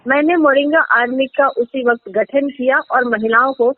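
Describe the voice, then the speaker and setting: A woman's voice: sits high, normal speed. A woman answering radio interview questions about her farming work, earnest and explanatory with some hesitations. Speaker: interviewee, moringa farming entrepreneur. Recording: dry tinny phone line.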